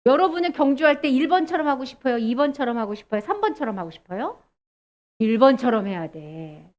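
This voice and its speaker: Very high, lively woman preaching to children. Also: brisk. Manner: animated, asks children questions. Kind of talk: children's sermon.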